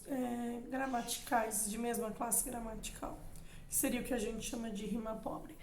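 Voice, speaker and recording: A woman's voice: high voice, darkish tone, a little hiss or hum. A young woman with a Brazilian Portuguese accent, teaching a literature lesson for an exam, reading verse aloud and explaining it directly to students. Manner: explains slowly, addresses students directly, reads verse with emphasis. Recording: echoey room.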